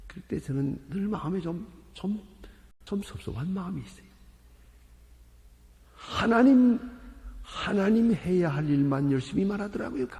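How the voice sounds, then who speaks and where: Older male preacher, gravelly and expressive, acts out dialogue and asks rhetorical questions, heard in a reverberant sanctuary. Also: high-pitched. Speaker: pastor. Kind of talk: sermon.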